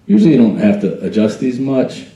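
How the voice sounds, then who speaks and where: Recorded on a distant mic with roomy, poor audio, a sound board trainer walks through a church mixing desk step by step inside the sound booth. His mid-range, warm voice moves fairly quickly with big pitch swings, yet he stays patient and tests the mic with "check, one, two."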